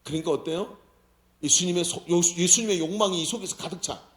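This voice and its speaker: A man's voice: high-pitched, quick pace. A man preaching a sermon as senior pastor, often asking the congregation questions. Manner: lively, questions the audience often. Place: church sanctuary. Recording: roomy church hall.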